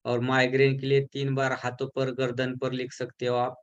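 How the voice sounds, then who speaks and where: A man giving a recorded lesson for a healing course, explaining slowly and repeating syllables to show how they are spoken. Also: medium pitch, monotone, lo-fi sound. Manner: mixes English terms into his explanations.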